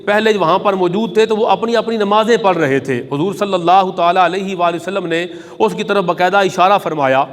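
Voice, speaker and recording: A man's voice: sits high, long reverb tail. A man preaching a Friday sermon, telling a sacred story reverently and reciting Arabic hadith.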